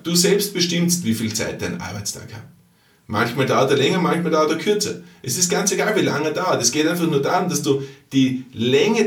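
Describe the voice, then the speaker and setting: A man's voice: on the high side, distant mic. A man, hosting a podcast as a business coach, talking emphatically in repeated phrases and rhetorical questions aimed at the listener. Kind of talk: motivational business monologue. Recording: roomy echo, slightly off-mic.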